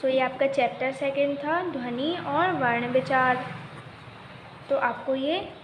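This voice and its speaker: A woman with a high voice teaches a primary school grammar lesson. She asks a question, then answers it herself, spelling words out syllable by syllable. The recording echoes with a faint hiss behind it. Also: slow, highs cut off. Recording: echoey room with faint noise.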